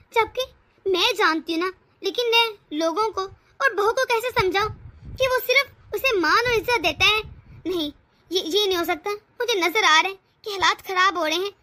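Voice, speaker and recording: A woman's voice: very high-pitched, bright, forceful tone. A woman voicing a worried elderly mother-in-law who broods and frets over her family in a cartoon story. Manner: brooding, fretful.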